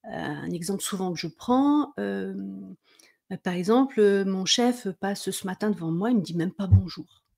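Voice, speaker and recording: Middle-aged female coach, warm low-key tone, chatty teaching delivery, frequent check-ins. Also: lively intonation, moderate pace, gravelly. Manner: conversational, checks in with "d'accord?", acts out inner worries. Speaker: mindset coach. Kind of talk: explanatory coaching talk.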